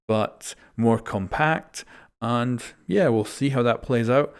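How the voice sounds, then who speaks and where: A young man hosting a gaming news video, walking through patch notes in a chatty, informal way and thinking aloud as he goes. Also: fairly low pitch. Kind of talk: casual game update rundown.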